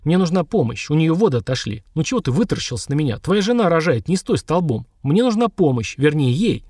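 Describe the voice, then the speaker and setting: Nervous, brisk middle-aged surgeon in a storybook reading, higher voice, as a male narrator puts him on. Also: very animated, a little mellow, no echo, clean studio sound. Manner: nervous, then brisk and businesslike.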